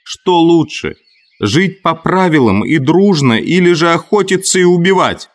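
Man doing a shrill, indignant chubby boy. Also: animated, takes it slowly. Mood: indignant pleading. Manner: shrill high shouting.

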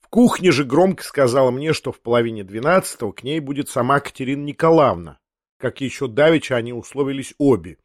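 A man reading a literary audiobook in measured, expressive storytelling. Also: medium pitch, no room sound, studio quality. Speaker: audiobook narrator.

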